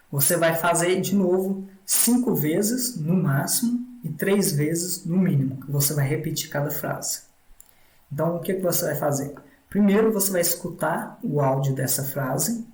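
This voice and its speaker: A man's voice: fairly high pitch, a little mellow, reverberant, poor audio. A man with a Brazilian Portuguese accent teaching a step-by-step language tutorial. He is instructive and repetitive, and often adds question tags. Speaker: English teacher.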